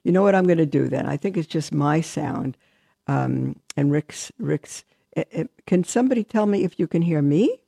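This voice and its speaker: A woman host with a husky, gravelly voice reads a Christmas story in a steady storytelling manner. Her tone is dark and mellow, recorded close and dry with no room sound. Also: sits low, normal speed, no echo. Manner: warm, chatty aside, then steady storytelling. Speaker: host and religious sister. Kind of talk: radio show host reading a Christmas story.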